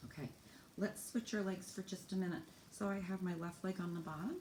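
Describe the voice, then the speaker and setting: This woman's voice is fairly low and darkish, a little fast, with fairly even intonation. Demonstrating as she talks, she guides children through yoga stretches using simple, encouraging step-by-step directions. The recording has an echoey room sound and faint background noise.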